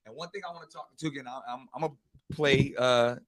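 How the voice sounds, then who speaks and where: Speaking fast in a medium-pitched voice, a talk show host chats casually and animatedly with his guest, tripping into many repeated starts. Crowd noise can be heard in the background.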